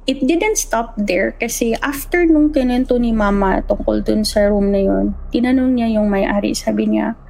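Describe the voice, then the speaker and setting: A woman's voice: on the high side, normal speed, vocal fry, poor audio. A young adult woman telling a personal ghost story in casual chat, acting out the voices she quotes. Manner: animated, acts out quoted voices.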